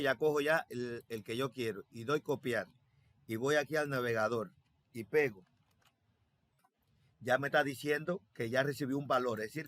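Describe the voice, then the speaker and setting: A man's voice: medium pitch, a bit bright, dry recording. A man teaching a programming tutorial step by step over his screen, repeating himself and thinking aloud with many fillers. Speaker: software instructor.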